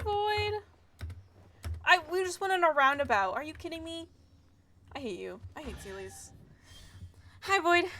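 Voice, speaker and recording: A young woman game streamer chats casually on a livestream, muttering to herself as she plays. Her voice sits high, pushed and bright. Faint noise and keyboard and mouse clicks are audible.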